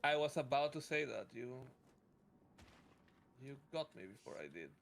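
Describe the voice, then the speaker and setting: A man's voice: medium pitch, sing-song, a little slow, creaky. A man chatting casually while playing a game with friends, tossing out playful, theatrical one-liners. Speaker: co-op game player. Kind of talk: casual gaming chat.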